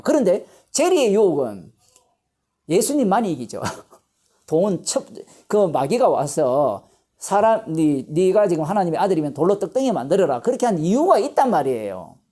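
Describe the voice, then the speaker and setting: A woman pastor giving a Bible lecture sermon, emphatic and animated, posing rhetorical questions and answering them herself. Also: medium pitch.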